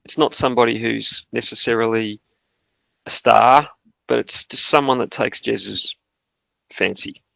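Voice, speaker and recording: A man's voice: medium pitch, a little slow, creaky, pauses often, a bit bright, no echo, dull audio. An Australian man hosting a casual footy podcast, chatting in a joking, slightly crude way. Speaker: podcast host.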